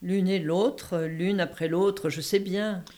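A woman's voice: on the low side, fairly even intonation, slow, dark tone. An actress playing a stubborn, defensive and self-blaming woman in a stage-play dialogue, with emphatic, protesting repetition. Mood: weary.

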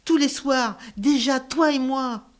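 Actress as fed-up bored woman, fairly high voice, clipped, insistent, repetitive, theatrical dialogue. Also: slow pace. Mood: weary, resigned. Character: restless, irritable, bored woman fed up with theatre and hospital visits. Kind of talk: stage-play dialogue.

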